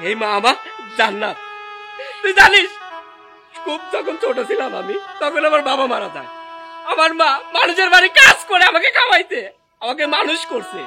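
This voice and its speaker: A man's voice: extremely high pitch, sharp tone, full character voice. A man playing an anguished, furious son over music. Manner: emotional, pleading then scolding, cries out. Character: anguished son, angry at his wife. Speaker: son working abroad. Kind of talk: melodramatic short drama acting. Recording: music underneath.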